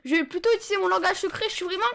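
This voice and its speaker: A woman streaming a game live on a headset, chatting with viewers in a joking, excitable way with sudden yelps. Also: very high-pitched, rapid-fire, vocal fry, very noisy. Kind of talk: casual live-stream chat while gaming.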